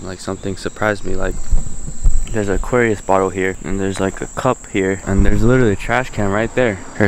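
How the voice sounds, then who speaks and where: A young man chats and thinks aloud into a camera held close, his voice a touch low and his talk loose and sometimes profane. He is recording outdoors in a quiet rural village, and the buzz of crickets and insects comes through clearly behind him. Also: a little hiss or hum. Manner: chatty, swearing, thinking aloud. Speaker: travel vlogger. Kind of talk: casual vlog narration. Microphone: handheld camera held close.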